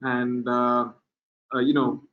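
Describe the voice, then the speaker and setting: A man hosts a wildlife photography webinar on a video call, speaking at a medium pitch. He takes his time, relaxed and pausing often with fillers, and the audio quality is dull and lo-fi.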